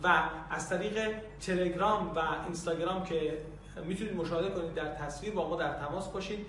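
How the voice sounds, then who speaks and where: A man's voice: high-pitched, fairly bright tone. Man doing a friendly promo at the end, sounds far off, lots of room echo and a faint hiss behind. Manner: friendly direct appeal to viewers. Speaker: course promoter. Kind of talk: promotional outro. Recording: very echoey room, far from the mic, faint noise.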